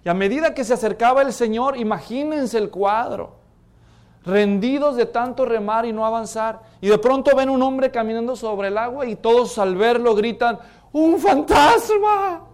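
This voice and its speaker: A preacher with a high-pitched voice delivers a sermon in a dramatic storytelling manner. He acts out the voices of the people in his story and then drops to a quieter tone to stress his main points. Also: normal speed, clean tone.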